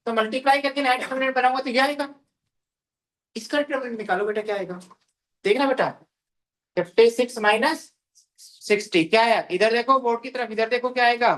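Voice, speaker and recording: A man's voice: extremely high pitch, brisk, long pauses, fairly bright tone. A man teaching a math class to students. He repeats phrases and asks questions, then answers them himself. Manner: calls students "beta". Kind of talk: classroom lecture. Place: classroom with a board.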